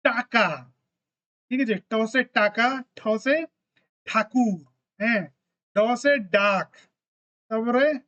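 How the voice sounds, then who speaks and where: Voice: mid-range voice, a bit bright. Patient teacher drilling letter sounds. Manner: drills sounds one by one with frequent check-ins. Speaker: language teacher. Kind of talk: classroom lesson.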